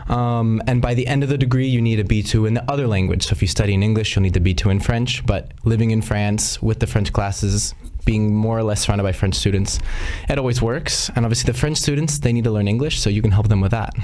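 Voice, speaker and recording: American man, fairly low voice, school staffer, friendly and conversational in an online session. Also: fairly even intonation, fast, hardly any pauses, a little mellow. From United States. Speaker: international staff and English teacher. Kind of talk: live online info session.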